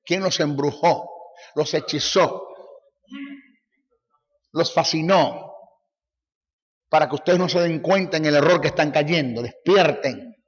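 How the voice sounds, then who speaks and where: Brief: male Bible teacher, high voice, forceful and mocking, repetitive sermon, echoey lo-fi hall recording. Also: takes it slowly, pauses often, breathy edge.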